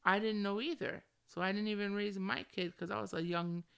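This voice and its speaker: A woman's voice: mid-range voice, fairly even intonation, fairly quick, gravelly, a bit bright, smooth. A middle-aged woman talking candidly on a solo podcast in a chilled, slangy way, with a valley-girl habit of peppering sentences with "like". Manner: valley-girl style with frequent "like". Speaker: podcast host.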